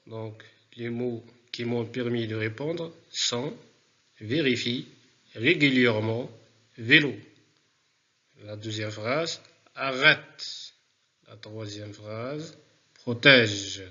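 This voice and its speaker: A man teaching a remote spelling lesson to pupils, speaking deliberately and repeating words for dictation. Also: mid-range voice, sharp tone, highs cut off.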